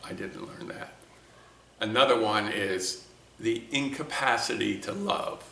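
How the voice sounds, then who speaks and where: A man giving a personal talk to camera, speaking slowly and reflectively and often restarting his sentences. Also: on the low side, pushed and bright, roomy sound. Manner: slow, reflective, with many restarts. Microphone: camera mic.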